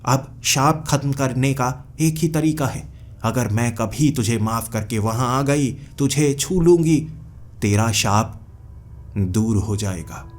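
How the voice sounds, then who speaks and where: A man's voice: medium pitch, slow pace, close to an everyday voice. A man voicing a furious vengeful witch. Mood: menacing. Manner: scolding, threatening. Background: faint music.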